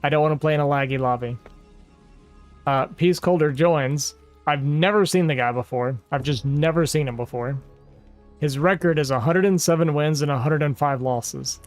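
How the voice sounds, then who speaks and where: Faint music plays behind a game streamer whose voice is a little high and his pace moderate. Chatting casually with viewers, he rambles, gets exasperated and uses "like" a lot.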